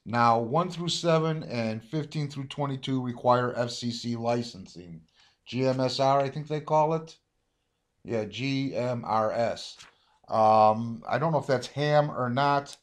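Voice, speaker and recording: An American man with a mid-range voice and measured pace chats casually through a product unboxing, rambling and hesitant as he thinks aloud. The audio is roomy, dull, lo-fi amateur sound with faint hiss.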